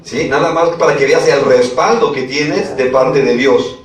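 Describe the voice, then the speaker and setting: Captured from afar in a reverberant room with a little hiss or hum, a man delivers a sermon at a slightly slow pace. This pastor has a medium-pitched voice, reads passages of scripture aloud, and keeps checking in with the congregation through questions.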